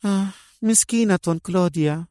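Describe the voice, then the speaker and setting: A spirited young woman with a high, lifted voice, sharp and quick to bristle, as a male storyteller puts her on. The reading is dry and close, with no room around it. She lives inside an audiobook spy novel. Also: no echo, close to an everyday voice. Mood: soft. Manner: sharp, indignant, raised falsetto.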